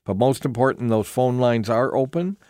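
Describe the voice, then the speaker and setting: A man's voice: mid-range voice, lively intonation, normal speed, darkish tone, no echo, studio quality. A man with a Canadian accent co-hosting a radio show, mixing casual chat with show promotion. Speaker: radio co-host.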